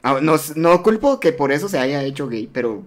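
A young man with a fairly high, brisk voice tells crude stories from school in a casual chat. He's animated and acts out the voices of the people he's quoting.

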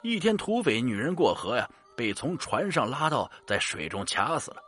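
A man's voice: medium pitch, very animated, moderate pace, fairly bright tone, husky, faint music behind. Man doing a timid young ferryman. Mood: frightened.

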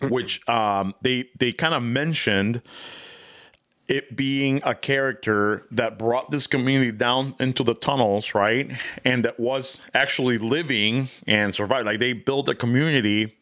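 A man's voice: medium pitch, a little slow, a bit bright. A man co-hosting a casual review podcast, rambling with many fillers and restarts. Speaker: podcast co-host.

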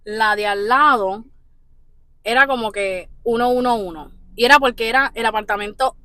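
A woman hosts a relaxed podcast conversation, her voice bright and somewhat high. She tells stories excitably, and the recording is close and dry. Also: normal speed, dry recording. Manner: lively, excitable storyteller. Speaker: podcast host. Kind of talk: casual podcast chat.

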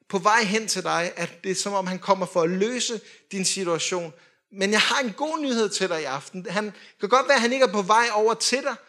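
A young man preaching a sermon in a lively way, swinging from loud calls to quiet drops. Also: high-pitched.

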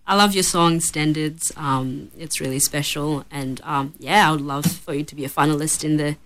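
A woman's voice: low-pitched, steady tone, moderate pace, fairly bright tone. A young woman from Tanzania, a musician guest in a studio, chatting casually with plenty of ums and laughs. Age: young adult. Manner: chatty, giggly, lots of ums and likes. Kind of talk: casual chat. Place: radio studio.

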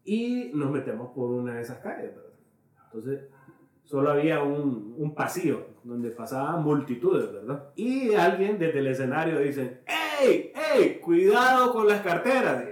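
A man tells a funny story to his friends, animated and quick to laugh. His voice sits at an ordinary pitch. The room around him rings with heavy echo. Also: recorded from a distance. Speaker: storyteller in group chat. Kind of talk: casual storytelling chat. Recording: very echoey room.

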